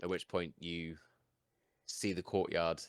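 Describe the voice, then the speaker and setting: Deep-voiced man narrating a fantasy game. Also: little pitch movement, dry recording, studio quality. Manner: measured, suspenseful scene-setting in short phrases. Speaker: game master.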